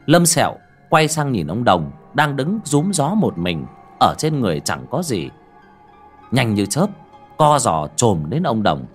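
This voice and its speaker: A man narrates a horror tale. His pitch rises and falls a lot as he builds suspense, and a faint music bed plays behind him. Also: unhurried, breathy edge. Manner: vivid, expressive storytelling. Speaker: audiobook narrator. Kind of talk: dramatic horror story narration.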